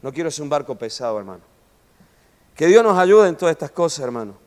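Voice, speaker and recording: Animated preacher in a reverberant hall. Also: male voice, a little high, fast. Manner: animated preaching, constantly saying "hermano", jokes with the audience. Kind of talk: sermon. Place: church hall. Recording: long reverb of a church hall.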